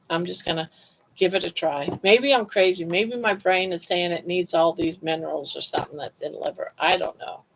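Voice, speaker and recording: This livestream host is an older woman with a lowish voice who tells stories in a chatty, laugh-filled way and reacts to comments in the chat. The recording quality is poor.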